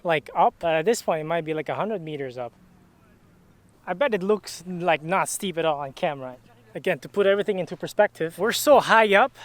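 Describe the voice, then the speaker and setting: Chatty young man vlogging. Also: sits high. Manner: chatty, explanatory tour-guide delivery. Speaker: travel vlogger. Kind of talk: casual travel vlog narration.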